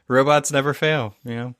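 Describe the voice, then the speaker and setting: A man co-hosting a podcast in a casual comics discussion, dropping quick joking asides. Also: mid-range voice, a bit bright, clear, resonant tone, no echo, studio quality. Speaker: podcast co-host.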